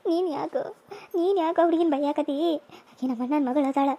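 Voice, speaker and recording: A woman's voice: sits high, fast talker, mellow. A woman voicing a frail, dying old village mother, wailing and pleading.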